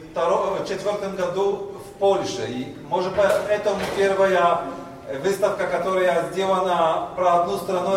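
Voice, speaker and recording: High-voiced Polish-accented man in echoing hall. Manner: halting, searching for words in non-native speech. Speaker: exhibition organizer. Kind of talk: public speech at an exhibition opening. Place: large reverberant indoor hall. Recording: very echoey hall, distant mic, faint noise.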